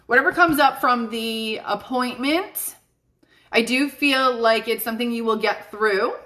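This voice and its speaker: A woman in her thirties talks straight to her viewers in a live stream. Her voice is bright and fairly high. She is chatty and emphatic and keeps calling out to her audience as she gives psychic readings. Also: a little slow. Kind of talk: casual live-stream talk.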